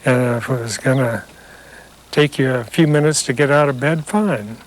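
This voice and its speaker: A man, a heart surgery patient, recalling his recovery in a plain-spoken, unhurried way, heard from an old VHS tape transfer. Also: medium pitch, rough recording. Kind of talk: recalling his own recovery in a casual interview clip.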